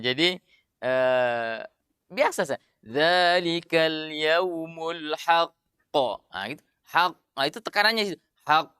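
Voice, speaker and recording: Bright, crisp male recitation teacher. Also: a little high, no echo, clean studio sound. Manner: explains slowly with many fillers, then chants verses drawn out. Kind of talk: casual tajwid lesson with recited examples.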